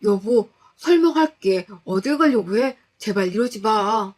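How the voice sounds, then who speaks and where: A woman voicing an unsettling young married man who pleads and apologizes in a slow, coaxing way. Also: mid-range voice, expressive, a little mellow. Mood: pleading.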